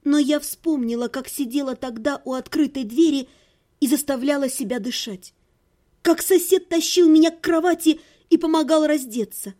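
A woman with a high voice reads a first-person audiobook. Her narration is even and expressive, in a storytelling style. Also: normal speed.

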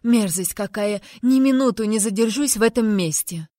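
Indignant young noblewoman, read by a woman, sharp exclamations, dry close sound. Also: fairly quick, dry recording, close to an everyday voice. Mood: outraged. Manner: exclaims sharply, higher and louder.

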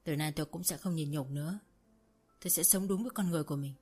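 A woman's voice: deep voice, fast, warm tone, breathy edge. A woman narrating a first-person family drama, reading all the characters' lines herself with light shifts for each. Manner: reads all parts herself with light shifts for quoted voices.

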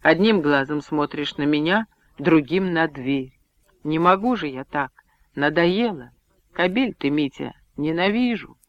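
A man reading an audiobook, voicing a distraught young village woman in a soft, pleading way that rises high when she is upset. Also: expressive, measured pace, no room sound, dull audio.

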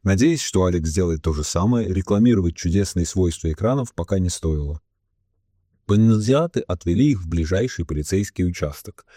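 Deep, husky male audiobook narrator. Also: expressive, mellow, no room sound, studio quality. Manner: reads all characters himself, slowing for solemn quotes. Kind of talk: scripted narration.

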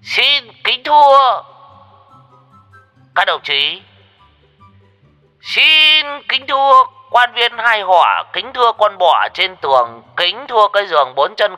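Wild drunk old man, shrill high voice, stammering, mock-pompous speechifying, storybook. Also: big pitch swings, unhurried, bright, forceful tone, faint music behind, full character voice. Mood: mock-grand pitch.

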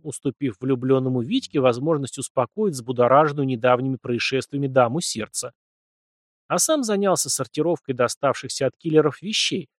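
Expressive male audiobook narrator. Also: mid-range voice, dry recording, studio quality. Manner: expressive storytelling reading. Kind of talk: scripted narration.

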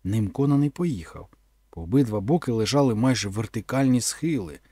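Husky man reading dramatically. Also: mid-range voice, fairly quick, no echo, studio quality. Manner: expressive, dramatic. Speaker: audiobook narrator.

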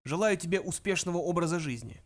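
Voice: medium pitch, expressive, fast talker, voice pushed up, lightly acted. An audiobook reader voicing Slartibartfast, an old man who designs planets, polite but easily aggrieved and theatrical. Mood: stiff. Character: old male planet designer, fussy artist. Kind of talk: audiobook character reading.

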